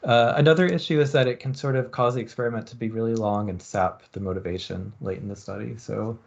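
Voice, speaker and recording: A man lecturing at a university, explaining experiment design in a relaxed way and thinking aloud with frequent ums. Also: medium pitch, fast talker, gravelly, dull audio.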